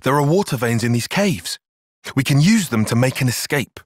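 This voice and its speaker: A British-accented man voices an earnest, cautious young soldier-strategist in a video game cutscene, speaking precisely, formally and articulately. His mid-range voice is expressive at a normal speed, lightly acted and measured, analytical in mood. The recording is dry, with clean studio sound.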